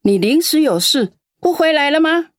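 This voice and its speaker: In a radio drama, a woman with a high, sing-song voice plays a lonely elderly grandmother, speaking at a normal pace. She's fond and sighing as she dotes on the young, then turns scolding and aggrieved toward her grown daughter. The studio-quality recording has no echo.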